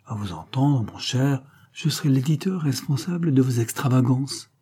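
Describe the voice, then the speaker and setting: A man's voice: mid-range voice, lively intonation, moderate pace, dark tone, slightly rough, pitched above the performer's own voice. A man reading an audiobook, voicing a scornful, domineering creole woman who talks in a cold, mocking tone. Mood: commanding. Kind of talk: audiobook character voice.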